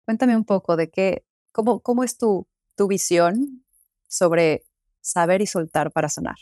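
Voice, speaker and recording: A woman's voice: medium pitch, unhurried, a little mellow, no echo, clean studio sound. A woman hosting a podcast, asking guests curious, open questions. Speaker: podcast host. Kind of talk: interview questions.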